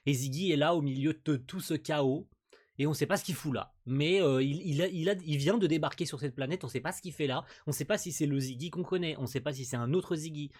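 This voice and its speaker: A man hosting a casual manga chapter reaction, excitable, swearing and laughing as he reads panels aloud. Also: fairly high pitch, fairly quick.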